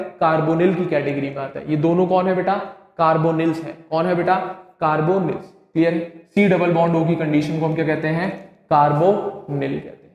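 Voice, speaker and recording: A male chemistry teacher, lecturing an online class. He keeps asking students if things are clear and answers his own questions. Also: a little high, darkish tone, dull audio. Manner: drilling, asks questions and answers them himself. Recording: very echoey classroom with long reverb.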